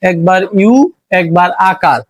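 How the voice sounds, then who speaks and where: High-voiced Bangladeshi teacher, dry sound. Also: male voice, no room sound. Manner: slow, explanatory, drawing out letter sounds. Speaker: English teacher. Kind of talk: classroom lesson on pronunciation.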